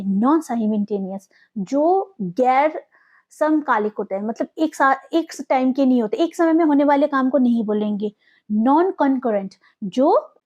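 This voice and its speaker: A woman's voice: high voice, dark tone, highs cut off. An Indian woman teaching English vocabulary, asking questions and answering them herself as she mixes English words into her explanations.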